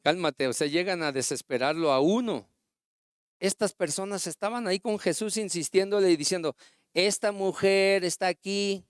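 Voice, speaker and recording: A man's voice: sits high, moderate pace, no echo, clean studio sound. A man preaching a sermon, retelling stories and asking the congregation rhetorical questions. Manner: storytelling with acted quotes and rhetorical questions.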